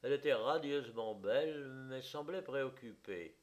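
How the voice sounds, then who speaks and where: A man narrating a classic story in a measured, theatrical storytelling manner. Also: medium pitch, highs cut off. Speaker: audiobook narrator. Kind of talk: scripted literary narration.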